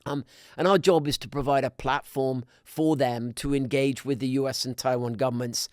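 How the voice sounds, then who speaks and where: A middle-aged man from Scotland, a podcast guest talking in a measured way with many restarts. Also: medium pitch, a little mellow, dry recording, studio quality. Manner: measured, with frequent restarts and fillers. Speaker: guest, business council president. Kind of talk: conversational podcast interview.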